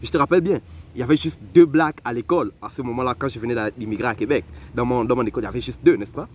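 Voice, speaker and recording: A young man from Africa telling personal stories to the listener in a lively, conversational way. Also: medium pitch, rapid-fire. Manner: animated, conversational, addresses the listener directly. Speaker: vlogger. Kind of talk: personal storytelling.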